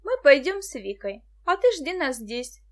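A woman's voice: high voice, sing-song, normal speed, voice pushed up. A woman reading the part of a shy but decisive young girl in an audiobook. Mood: earnest.

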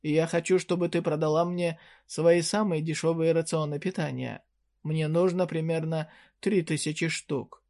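A man's voice: a little high, steady tone, moderate pace, a little mellow, natural voice. A reader voicing a blunt young male hero. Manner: dry, blunt retorts. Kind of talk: audiobook character reading.

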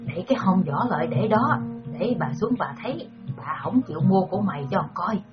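Brief: woman as a lively, scolding young countrywoman, muffled recording, music underneath. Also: medium pitch, a little fast, close to an everyday voice. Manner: bossy, exclaiming.

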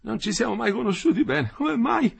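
A man's voice: high-pitched, big pitch swings, normal speed, pushed and bright, husky, pitched above the performer's own voice, heavily acted. A man reading the part of an older builder, wry and teasing, who later gasps in pain and slips into delirium. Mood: gasping. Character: old weary Florentine builder, dying after a fall.

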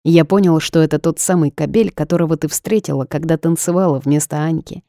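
A woman's voice: low voice, fairly even intonation, a little fast, dark tone, dry recording, studio quality. A woman voicing a blunt, outspoken young male bartender, speaking frankly and lecturing.

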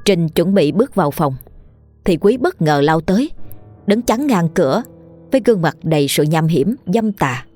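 A woman reads a horror story aloud in a steady, measured way, her voice sitting on the low side. Faint music plays underneath. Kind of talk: scripted horror story narration.

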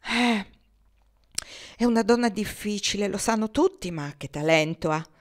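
A woman reading aloud, voicing a sly, charming man who smooth-talks strangers at a bar. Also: mid-range voice, normal speed, close to an everyday voice. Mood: coaxing. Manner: smooth, ingratiating.

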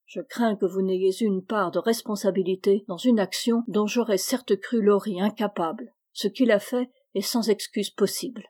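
A woman's voice: mid-range voice, fairly even intonation, moderate pace, hardly any pauses, a little mellow, close to an everyday voice. A woman reading aloud, voicing a grave, firm mother who reprimands her daughters. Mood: stern. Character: stern, caring mother Madame March.

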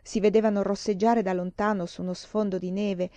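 A woman reading a novel aloud in a measured storytelling manner. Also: medium pitch, little pitch movement, mellow, dry recording. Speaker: reader.

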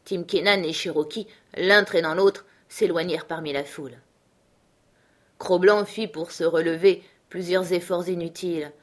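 Woman reading a novel aloud, low-ish voice, calm and clear. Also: normal speed. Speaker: audiobook narrator. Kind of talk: scripted narration of a novel.

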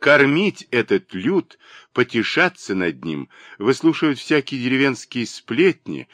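A man narrating a classic novel as an audiobook, with expressive storytelling. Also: medium pitch, unhurried, no room sound.

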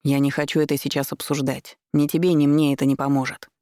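A woman doing a soft-spoken pleading husband. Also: sits low, little pitch movement, fast talker, no room sound, studio quality, natural voice. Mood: placating. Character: adult man, husband, calm and pleading.

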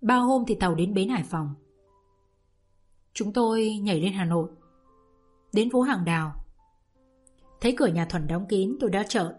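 A woman narrating a novel aloud in the first person, with an emotional, expressive delivery. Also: mid-range voice, moderate pace, pauses often, husky, soft background music. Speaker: audiobook narrator. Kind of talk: dramatic reading of a novel.

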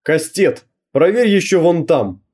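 A man's voice: fairly high pitch, sing-song, unhurried, darkish tone, husky, voice pushed up, heavily acted. A man voicing a menacing teenage gang leader who barks orders, in an audiobook. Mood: commanding. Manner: barking orders.

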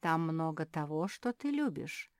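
A woman voicing a patient, kindly female fairy who speaks in a calm, gently instructive way. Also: deep voice, measured pace, dry recording, studio quality.

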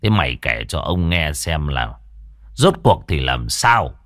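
A man's voice: rumbling low, very animated, unhurried, a bit bright, dry recording, clean studio sound, voice pushed down, heavily acted. A man voicing an anxious, blunt old grandfather who presses with questions.

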